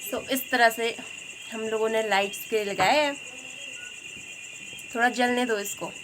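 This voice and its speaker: A woman vlogger with a hoarse voice chatting casually to her viewers, filming on a phone at her home at night. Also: fairly high pitch, steady tone, a little slow. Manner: chatty, talks straight to viewers. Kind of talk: casual festival vlog narration. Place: home at night, indoors and outside. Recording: noisy with crickets behind. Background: crickets and insects chirping.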